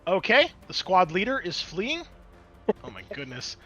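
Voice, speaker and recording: A man with a high voice and wildly swooping pitch game-masters a tabletop RPG at a measured pace, the audio dull with music behind it. Casual and prone to swearing, he mutters asides while working the game software.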